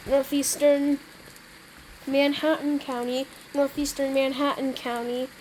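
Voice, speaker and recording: The recording is rough with slight background noise, and the woman's high voice is flat, measured and darkish in tone. During casual gameplay role-play she acts out an emergency alert scenario, mixing offhand comments with improvised weather announcements, tripping over read-out words and clearing her throat frequently.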